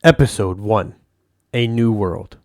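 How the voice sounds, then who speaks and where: A man narrating a first-person audio story in a calm, soft-spoken way. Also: on the low side, takes it slowly.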